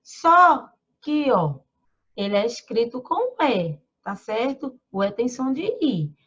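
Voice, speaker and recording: A woman teaching young children, talking slowly and patiently, stretching out syllables and checking in with frequent tag questions. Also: fairly high pitch, big pitch swings, fairly bright tone, husky, dull audio. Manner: drawn-out syllables when sounding out words. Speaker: primary school teacher. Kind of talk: online lesson for young children. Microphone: computer mic during screen share.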